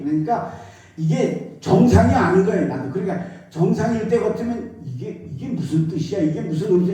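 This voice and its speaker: Older pastor preaching in an echoey church. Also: male voice, high-pitched. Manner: storytelling, emotional, swings from loud to hushed. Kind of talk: sermon. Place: church sanctuary. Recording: echoey church hall from far off.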